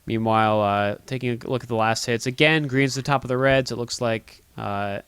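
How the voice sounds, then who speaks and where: A man with a booming voice doing live play-by-play commentary on a video game match. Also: steady tone, moderate pace, fairly bright tone, clear, resonant tone, no room sound. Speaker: esports play-by-play caster.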